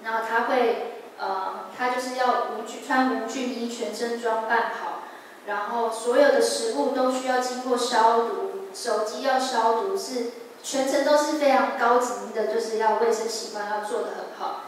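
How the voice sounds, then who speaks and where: A young woman with a Taiwanese Mandarin accent gives a personal testimony in a church service, telling her story earnestly with halting restarts. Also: a little high, fairly even intonation, a little hiss or hum. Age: young adult. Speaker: church member giving testimony. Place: large church sanctuary. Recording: echoey hall, voice from a distance.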